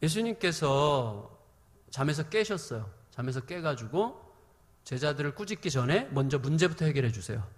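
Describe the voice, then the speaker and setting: A man preaching a sermon as pastor, animated and humorous, acting out the voices he quotes. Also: a little high, normal speed, in a large hall.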